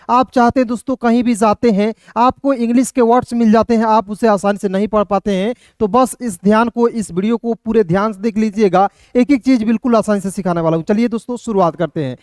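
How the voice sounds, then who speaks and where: A man's voice: sits high, fairly even intonation, brisk, hardly any pauses, a little mellow, dry recording. A man teaching English reading in a lesson video, spelling out words letter by letter and addressing viewers as friends. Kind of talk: classroom-style lesson for video.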